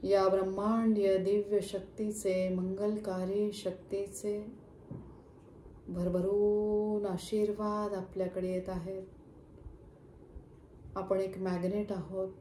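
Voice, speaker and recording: A woman leading a guided chakra meditation with slow, soothing instructions. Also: mid-range voice, level tone, warm tone. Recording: echoey room, faint background hum.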